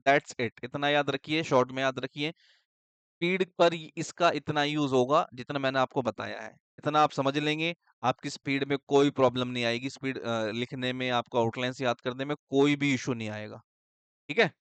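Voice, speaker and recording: A man's voice: mid-range voice, steady tone, normal speed, fairly bright tone, clean tone, no echo. A man teaching a shorthand lesson in a casual, explanatory way. He keeps asking questions and answering them himself, and he checks in with his students often.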